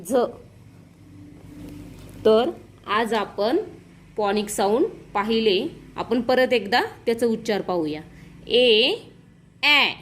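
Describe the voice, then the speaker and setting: A woman with a Marathi accent teaching phonics in a slow, repetitive lesson, saying each letter sound twice in a drawn-out, deliberate way. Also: a little high, a little hiss or hum.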